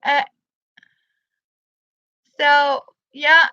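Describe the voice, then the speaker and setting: A Danish woman in her fifties, a non-native English speaker, chatting on a live crafting stream in halting, simple English and greeting viewers by name. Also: high voice, flat delivery, pushed and bright, dry recording, lo-fi sound. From Denmark. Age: 50s. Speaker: livestream crafter.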